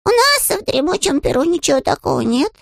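A man's voice: extremely high pitch, very animated, brisk, creaky, fairly bright tone, no echo, studio quality, voice pushed up, exaggerated voice. A man voicing a naive, polite young male bear in an audiobook, earnest and innocent in manner. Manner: earnest, innocent, matter-of-fact. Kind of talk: audiobook character voice.

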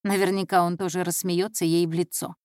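A woman's voice: lowish voice, flat delivery, a little fast, a little mellow, dry recording, studio quality. Woman narrating a crime novel. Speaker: audiobook narrator. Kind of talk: scripted narration.

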